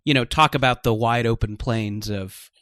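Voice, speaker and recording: A man's voice: mid-range voice, moderate pace, a bit bright, dry recording, studio quality. A man from Southern California, born in Texas, chatting casually with stammering restarts and self-deprecating humor. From Texas-born, raised in Southern California. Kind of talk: casual chat.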